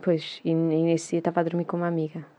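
A young woman with a European Portuguese accent, co-hosting a casual chat and speaking her mind while she quickly corrects details. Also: low voice, monotone, dark tone. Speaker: podcast co-host.

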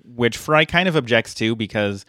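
A man's voice: mid-range voice, lively intonation, moderate pace, fairly bright tone, dry recording, studio quality. A man co-hosting a podcast, recapping a cartoon episode in casual chat with fillers. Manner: chatty and matter-of-fact, with fillers.

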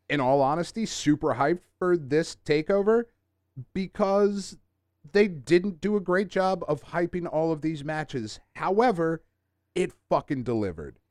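A man's voice: fairly high pitch, no echo, clean studio sound. A man hosting a podcast in casual chat, talking like an enthusiastic fan who swears freely. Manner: profane, enthusiastic fan talk. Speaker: podcast host.

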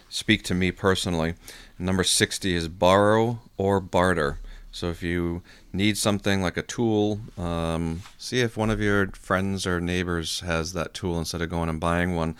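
A middle-aged man co-hosting a radio show, chatting casually about practical advice in a halting, thinking-aloud way. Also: low-pitched, clean tone, dry recording. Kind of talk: casual money-advice chat.

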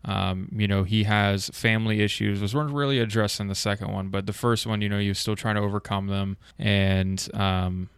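A man's voice: lowish voice, level tone, a little fast, few pauses, clear, resonant tone, dry recording. A man hosting a casual film chat, rambling with lots of fillers and swearing when he gets worked up.

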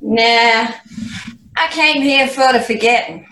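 A woman's voice: fairly high pitch, slow, sharp tone, recorded from a distance, full character voice. A woman playing a brash, streetwise young woman who raps with attitude in a comic musical. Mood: weary. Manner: sassy, streetwise, confrontational. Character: brash tough-talking young woman rapping at a bar. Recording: roomy with clear background noise.

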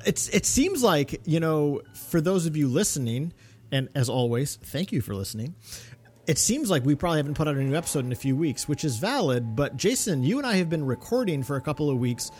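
A man's voice: on the high side, a little mellow. A man co-hosting a fan podcast in a casual, chatty style. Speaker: podcast co-host.

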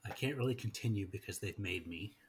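A man's voice: fairly low pitch, fairly quick, gravelly, a little hiss or hum. A man playing a tabletop game, talking hesitantly with many fillers. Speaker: player. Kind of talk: casual tabletop game chat.

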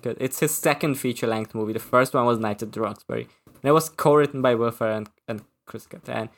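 A man co-hosting a podcast, chatting casually about a film with many fillers and restarts. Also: mid-range voice. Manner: halting, full of fillers and restarts. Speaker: podcast co-host. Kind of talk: casual movie review chat.

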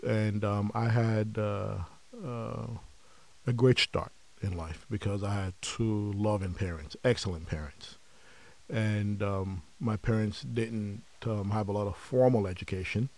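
Middle-aged man from Nigeria, low warm tone, reflective interview guest. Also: steady tone, vocal fry. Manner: measured, frequent um fillers, reflective. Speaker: podcast guest, company founder. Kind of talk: conversational interview.

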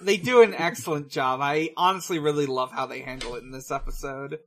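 A podcast co-host recapping episodes in casual chat, halting and restarting often. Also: medium pitch.

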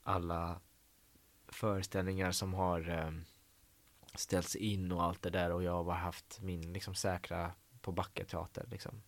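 A young man, an actor guest, telling stories in a casual interview, animated and swearing casually. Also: low-pitched. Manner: animated, acts out quoted dialogue, swears casually.

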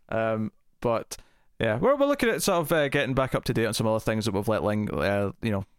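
A man's voice: medium pitch, dry recording, clean studio sound. A man hosting a podcast in casual chat, with lots of fillers and restarts. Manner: chatty, many fillers and restarts. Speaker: podcast host.

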